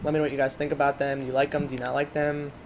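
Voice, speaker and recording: A man giving casual, rambling gameplay commentary, chatting excitably to his viewers. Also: medium pitch, very fast, slight background noise.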